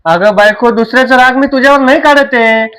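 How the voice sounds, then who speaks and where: Casting: actor for a fussy, wheedling young husband with a very high voice. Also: male voice, fast, fairly bright tone, clean tone. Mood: complaining. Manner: coaxing, wheedling pleas. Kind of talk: amateur drama acting.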